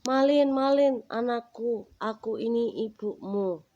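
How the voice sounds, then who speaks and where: A woman's voice: a little high, slow pace, warm tone. A woman voicing an old, poor mother who pleads tearfully with her son. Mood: pleading. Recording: dull recording with faint noise.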